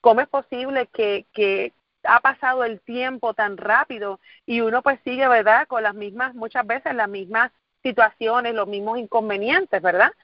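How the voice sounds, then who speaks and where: A forties-aged woman from Puerto Rico, working as a motivational speaker, presents at a moderate pace in a fairly high voice. Earnest throughout, she repeats words for emphasis and frequently asks her audience questions. No echo, but the sound is dull.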